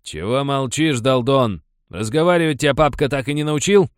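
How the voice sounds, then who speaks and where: A man voicing a furious, bullying male miner foreman who shouts coarse threats. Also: medium pitch, big pitch swings, slow, no echo, clean studio sound, voice pushed up. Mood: enraged.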